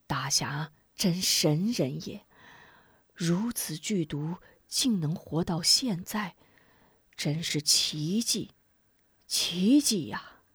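A woman voicing a grave martial teacher and healer, speaking low and deliberately. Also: animated, husky, dry recording, studio quality, full character voice.

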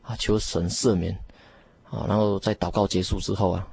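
A young man, a theology student, telling his testimony emphatically in a radio interview, with many drawn-out fillers. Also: low-pitched, flat delivery, vocal fry, darkish tone, husky, no echo. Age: young adult.

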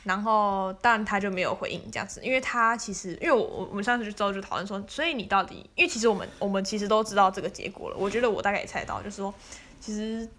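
A woman's voice: mid-range voice, rapid-fire, a bit bright. A woman, casually telling stories as a podcast host, chatty and laughing often. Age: 20s. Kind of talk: casual storytelling monologue.

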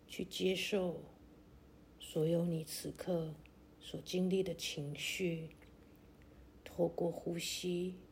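A woman narrating a guided meditation like a sleep story, in a gentle, soothing, deliberate way with long pauses. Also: on the low side, creaky, slight background noise.

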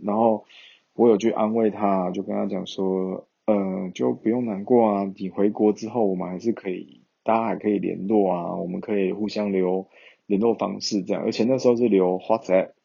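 A man's voice: on the low side, fairly quick, gravelly, warm tone, slightly rough, dull audio. A young man, chatting casually to viewers in a rambling way with many fillers. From Taiwan.

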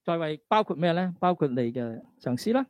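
A man's voice: on the high side, lively intonation, a little fast, no echo, lo-fi sound. A man with a Hong Kong Cantonese accent preaching conversationally as a pastor, exhorting listeners with rhetorical questions and check-in tags. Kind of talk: conversational sermon with scripture readings.

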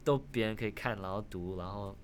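A man's voice: lowish voice, brisk, slight background noise. A man, native in Taiwanese Hokkien, speaking Mandarin like a foreigner in a casual podcast chat, searching for words and mixing in English. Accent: foreign accent in Mandarin. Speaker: podcast guest.

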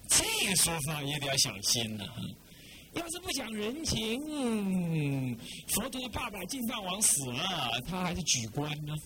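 A man's voice: sits high, measured pace, crowd noise, low-quality recording. A middle-aged man, an abbot from Taiwan, giving a Buddhist dharma talk, who keeps firing questions at his listeners. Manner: lively, rhetorical, keeps quizzing listeners. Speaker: abbot teaching monastics.

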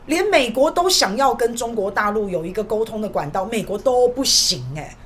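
A woman delivers a fired-up political commentary monologue on her podcast. Her voice sits fairly high, and she drives her points home with rhetorical questions. A faint noise floor sits under the recording. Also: lively intonation, normal speed.

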